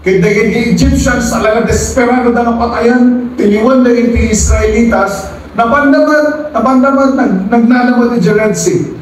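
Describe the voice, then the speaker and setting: Pastor guy preaching, high voice, big echoey church, mic kinda far off. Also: slight background noise. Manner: dramatic, acts out quotes in raised high voice; mixes English into local speech. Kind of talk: sermon. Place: church service.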